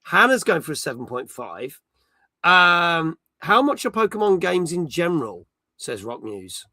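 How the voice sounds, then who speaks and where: Hosting a casual gaming stream, this fortysomething British man talks freely and reads viewer comments as they arrive. The voice is high, bright, and forward, miked close with no echo, and his delivery is sing-song and unhurried.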